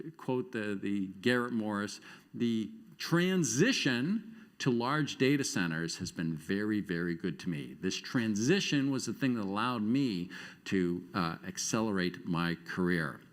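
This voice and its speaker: A middle-aged man giving a conference talk, telling stories in an animated, self-deprecating way with wry asides. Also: on the low side, a little slow. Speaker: conference speaker. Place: conference stage before an audience.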